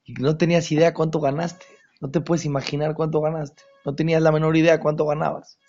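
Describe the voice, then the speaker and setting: Husky guy giving a torah class, keeps repeating stuff for emphasis, dull lo-fi sound. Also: a little high, little pitch movement, brisk, soft background music. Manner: emphatic, repeats key phrases, drops into hushed asides. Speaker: Torah teacher. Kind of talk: religious talk to an audience. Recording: dull lo-fi recording.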